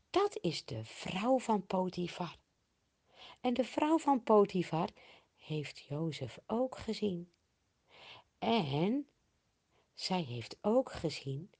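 A woman tells a Bible story to children at an unhurried pace. Her voice dips to a hush and then rises again, with plenty of lively movement in pitch. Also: creaky. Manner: slow, expressive, swinging from hushed to loud.

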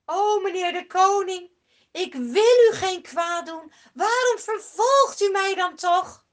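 A woman voicing a young man who shouts loudly across a valley and pleads with a king. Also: extremely high pitch, takes it slowly, pitched above the performer's own voice, exaggerated voice. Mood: pleading. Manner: loud, pleading calls.

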